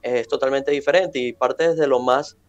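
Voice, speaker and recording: Young man, measured formal speech. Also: mid-range voice, steady tone, dry recording, muffled recording, soft background music. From Venezuela. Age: 20s. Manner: measured, formal wording with frequent fillers. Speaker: interview guest. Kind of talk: formal interview answers.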